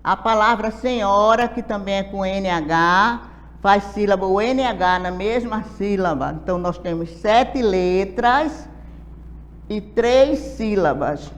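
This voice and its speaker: A woman's voice: mid-range voice, takes it slowly, big-room sound. A woman from Brazil teaching an adult literacy lesson, explaining step by step and checking in with questions.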